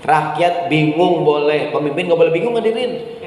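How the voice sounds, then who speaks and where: Echoing preacher in a mosque. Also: male voice, on the high side, normal speed, a little mellow. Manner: conversational, often addresses the congregation and asks "right or not?". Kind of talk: evening mosque sermon. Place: mosque hall. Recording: very echoey mosque hall with long reverb and faint noise.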